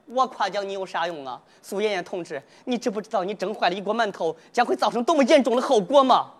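A man's voice: high-pitched, lively intonation, quick pace. A man playing an eager, boastful young army cook, speaking in a with folksy, exaggerated exclamations in a stage comedy sketch. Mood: excited, scolding. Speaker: cook soldier.

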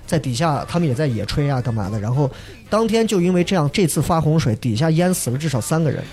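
A man telling a dramatic story in casual chat, acting out shouts and sounds. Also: a little high, animated, fast talker, faint music behind. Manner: acts out shouts and quoted voices, imitates sounds. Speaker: storyteller guest.

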